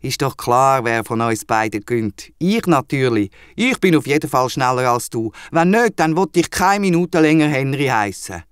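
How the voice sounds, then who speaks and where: A man's voice: a little high, normal speed, a little mellow, dry recording, clean studio sound, close to an everyday voice. A man with a Swiss German accent voicing a dreamy, not very clever male platypus in a children's audio drama. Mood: boastful. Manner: dreamy, boastful and slightly naive.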